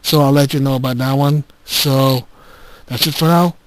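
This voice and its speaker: A man giving a casual gaming channel update, recorded on a handheld game console's voice recorder like a dictaphone, halting and restarting often. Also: medium pitch, fairly even intonation, dry recording. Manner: halting, with frequent restarts and filler words. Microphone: handheld game console's built-in recorder.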